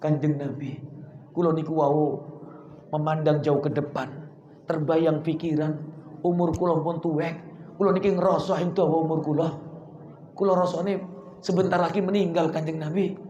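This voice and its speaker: A hoarse preacher voicing a tearful aging wife. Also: male voice, a little high, steady tone, normal speed, long pauses, lo-fi sound, pitched below the performer's own voice, lightly acted. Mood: sorrowful. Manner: soft, plaintive storytelling voice. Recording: echoey room.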